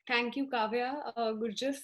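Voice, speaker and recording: Young woman hosting a panel chat, high voice, relaxed and reflective. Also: moderate pace, rough recording. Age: young adult. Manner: conversational, reflective. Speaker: panel moderator. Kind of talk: casual panel discussion.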